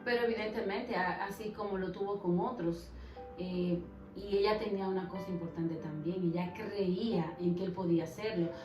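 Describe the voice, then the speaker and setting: A woman's voice: medium pitch, steady tone, normal speed. Woman, Bible study co-host, brief affirming comments, distant from mic, echoey room, music behind. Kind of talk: conversational Bible study discussion.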